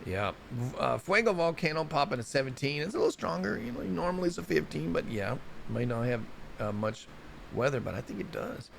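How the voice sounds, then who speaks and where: A man's voice: medium pitch, big pitch swings, fairly quick, creaky, slight background noise. A man hosting a casual solo news report on volcanoes, rambling and chatty, often stumbling over place names. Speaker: show host.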